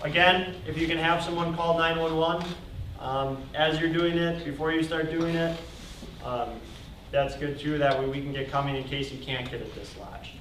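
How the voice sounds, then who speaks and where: Echoey, higher-pitched man teaching first aid. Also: fairly even intonation, moderate pace, fairly bright tone. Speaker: first-aid class instructor, firefighter. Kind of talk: informal hands-on class demonstration. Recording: echoey room, distant mic, faint noise.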